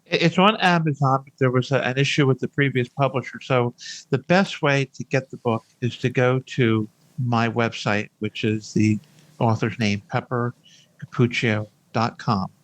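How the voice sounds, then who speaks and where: Older man, thinking aloud haltingly. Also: medium pitch, fairly even intonation, no room sound, poor audio. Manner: hesitant, repeating words and phrases as he thinks aloud. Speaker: podcast guest, hospice nurse. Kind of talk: conversational interview.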